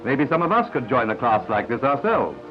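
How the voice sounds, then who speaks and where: A man's voice: mid-range voice, big pitch swings, a little fast. Man narrating an old newsreel. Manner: confident announcer delivery with asides to the viewer. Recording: dull lo-fi 1950s newsreel soundtrack. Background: newsreel music.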